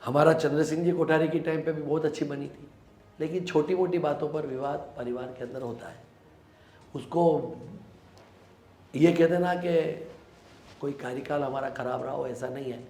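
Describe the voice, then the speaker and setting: Politician from Rajasthan, gravelly, emphatic and defensive, in a roomy echo with faint noise. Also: male voice, on the high side, steady tone, moderate pace, mellow. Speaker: local politician, interview guest. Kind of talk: sit-down interview answers.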